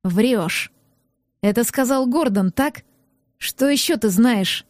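A woman voicing a brooding, menacing young man in a clipped, lowered growl. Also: slow pace, no echo, studio quality.

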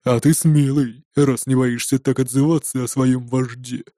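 A man's voice: mid-range voice, level tone, moderate pace, dark tone, dry recording, studio quality, pitched below the performer's own voice, natural voice. A man voicing a mocking male northern warrior who drawls with a smirk.

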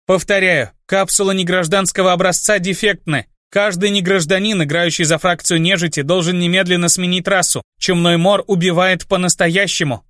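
Guy putting on a higher-voiced lady streamer, earnest and urgent, dry sound. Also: fairly bright tone, dry recording. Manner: urgent broadcast announcement. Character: female livestream celebrity reporter, earnest and grave.

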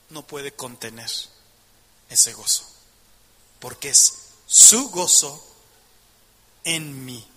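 A man delivers a fervent sermon in an emphatic preaching style, firing rhetorical questions at his listeners. His voice sits high and rings very bright and sharp. A long reverb trails behind his words. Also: vocal fry, slightly rough.

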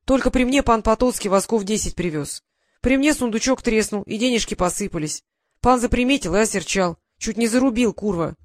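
A man voicing a worn-out young serf who speaks slowly in plain peasant words. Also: sits high, no room sound, lightly acted. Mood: weary.

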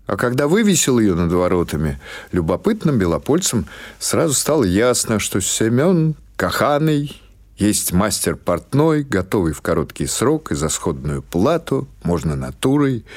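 In a fairly low voice, a man narrates literary fiction for an audiobook. His storytelling is measured and expressive.

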